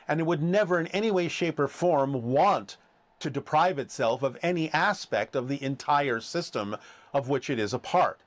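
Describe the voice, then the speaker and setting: A man with a formal, deliberate delivery who drags out key phrases and always speaks as a collective "we". His voice sits mid-range and is recorded close and dry, with no room sound. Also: medium pitch, no room sound. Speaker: channeled speaker answering questions. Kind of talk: question-and-answer session.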